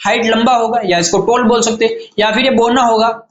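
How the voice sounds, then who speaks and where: High-voiced male coaching teacher in echoey room. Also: level tone, fairly quick. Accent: Rajasthani Hindi. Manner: repeats key terms as quiz questions, addresses students as friends. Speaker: science teacher. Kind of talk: classroom-style lecture. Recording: echoey room, faint noise.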